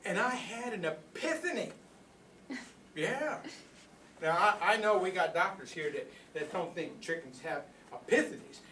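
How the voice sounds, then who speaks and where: Performing live before a group in an indoor workshop room, an older man gives a folksy, rambling comic monologue as a proud, philosophical old rooster, telling it conversationally with repeated phrases. His voice sits high and sounds sharp and exaggerated, with lively intonation and an unhurried pace, in an earnest, wondering mood. The room is echoey, the mic distant, with background noise.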